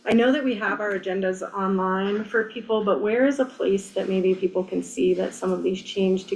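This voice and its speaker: A woman's voice: mid-range voice, darkish tone, rough recording. Businesslike American woman chairing a meeting, faint noise. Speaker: planning commission chair. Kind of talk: running a public meeting, procedural. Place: indoor public meeting room.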